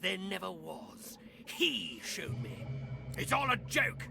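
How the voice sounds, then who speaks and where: A man's voice: high-pitched, sing-song, slow pace, gravelly, exaggerated voice. An actor voicing a deranged male knight who taunts in an unhinged, mocking way, in a video game. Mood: crazed. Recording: game audio over loud music.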